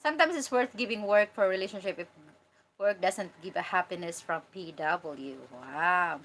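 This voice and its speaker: A Filipino woman vlogger answers live chat comments in a casual livestream, speaking candidly and informally straight to her viewers. Her voice is fairly low and fairly bright, at a normal speed.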